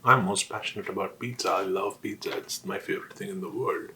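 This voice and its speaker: A vlogger rants on his own, eating as he talks and sometimes speaking with his mouth full, often posing questions and answering them himself. His voice sits low with fairly even intonation, and he talks fairly quickly. Background noise is present.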